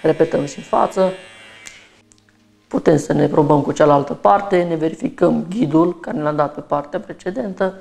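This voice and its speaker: Faint music plays behind a slightly high, creaky, darkish male voice. He's a barber from Romania in his thirties, explaining every stage of a haircut while working in his small shop.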